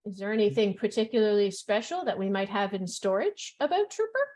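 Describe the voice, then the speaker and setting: Lively woman hosting a video-call chat. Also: medium pitch, a little fast. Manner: chatty, lively, laughs often. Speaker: adoption fair host. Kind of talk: live online chat interview.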